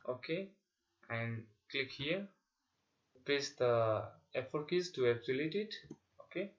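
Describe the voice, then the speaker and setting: A man giving a step-by-step software tutorial, dictating instructions in short, halting phrases. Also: medium pitch, animated. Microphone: voice-over on a screen recording. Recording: dull, lo-fi sound with clicking.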